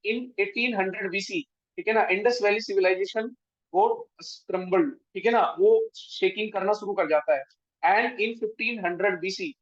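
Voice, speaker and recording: A high-pitched man with an Indian accent, a history teacher, lectures for exam prep, mixing Hindi and English. He checks in with his students constantly through tag questions. The lo-fi recording sounds dull and dry.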